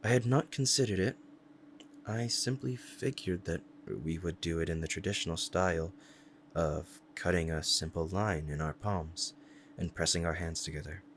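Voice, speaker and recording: A man's voice: low-pitched, moderate pace, slight background noise, close to an everyday voice. A man playing a powerful demon devoted to a beloved master, speaking formally and earnestly in a romantic ASMR roleplay. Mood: hesitant, curious. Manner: formal archaic diction, earnest and reverent.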